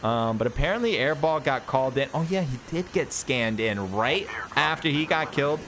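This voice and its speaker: Male esports caster, middle-pitched, play-by-play with casual self-talk, game gunfire and engines under the voice. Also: slight background noise. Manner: quick excited calls with chatty self-talk asides. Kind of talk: live play-by-play commentary. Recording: game gunfire and vehicles behind voice.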